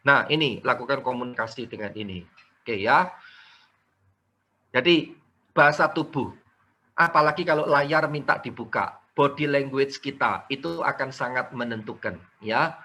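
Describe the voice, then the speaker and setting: A man teaching a live online sales training, energetic and coaxing participants to type answers in the chat. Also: medium pitch, normal speed. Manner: mixes in English words.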